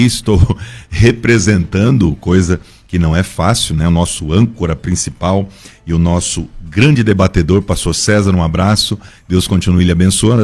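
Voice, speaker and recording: Low-voiced Brazilian radio host. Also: male voice, a little mellow. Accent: Brazilian Portuguese. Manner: formal, sends greetings to listeners. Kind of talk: radio program hosting. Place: radio studio.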